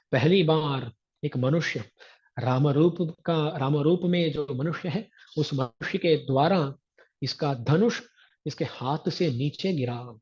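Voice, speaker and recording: Slow, measured man giving scripture discourse. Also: a little high, a little mellow, slightly rough, muffled recording. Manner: chants Sanskrit verses, then explains them line by line. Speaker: religious teacher.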